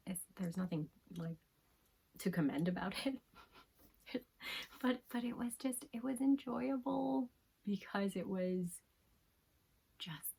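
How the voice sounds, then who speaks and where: A woman casually reviewing manga, talking softly in a half-whisper with frequent giggles and plenty of fillers and restarts. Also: lowish voice, gravelly, breathy edge, poor audio.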